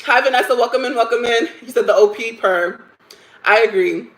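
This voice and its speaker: A woman's voice: a little high, a little fast, fairly bright tone, reverberant, low-quality recording. Chatty opinionated woman in her thirties. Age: 30s. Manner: chatty, opinionated, laughs often, many "like" fillers. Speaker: livestream host. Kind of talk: casual chat reacting to stories and chat comments.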